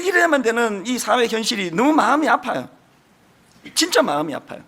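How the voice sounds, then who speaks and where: A middle-aged man preaching a sermon with a strong Gyeongsang Korean accent. His voice sits very high and sounds bright and forceful. He delivers it in an earnest, emphatic way, and his pitch swings up and down a lot. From Gyeongsang region, South Korea. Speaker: pastor.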